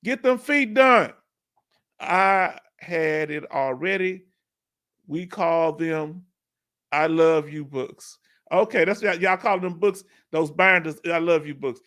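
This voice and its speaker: Middle-aged man, Houston Texas accent, casual livestream host, easygoing and talkative, fairly high voice. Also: slow pace, a bit bright. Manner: laid-back, chatty, laughs often. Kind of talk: casual live Q&A chat.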